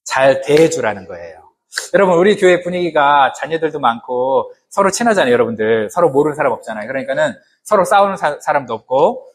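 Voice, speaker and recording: Conversational Korean pastor preaching. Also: male voice, fairly high pitch, very animated, fairly quick, slightly rough. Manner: conversational, asks the congregation questions; humorous asides. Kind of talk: sermon.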